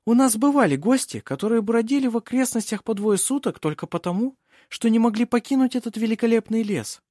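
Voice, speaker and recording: A man's voice: very high-pitched, animated, a little fast, mellow, no echo, clean studio sound, voice pushed up. A man voicing a commanding older noblewoman who speaks imperiously.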